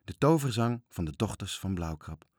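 Male storybook reader, lowish voice, calm, close and dry. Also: moderate pace, dry recording. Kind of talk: reading a children's story aloud.

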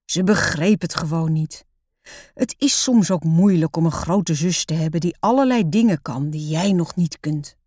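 A kind, mildly amused father with a gentle way of speaking, as a woman reads him. The voice stays near the reader's low, even tone. The recording is dry and close. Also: normal speed, no room sound.

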